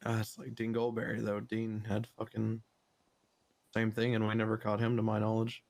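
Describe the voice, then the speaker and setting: Low, flat-voiced man in role-play. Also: moderate pace, creaky, dry recording. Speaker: fellow role-player. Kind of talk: casual role-play chat.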